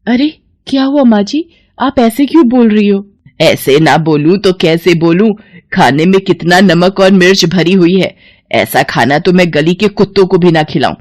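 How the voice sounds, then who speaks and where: A woman voicing a harsh older mother-in-law in an animated story, scolding in slow, drawn-out words. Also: fairly high pitch, pitched above the performer's own voice, close to an everyday voice.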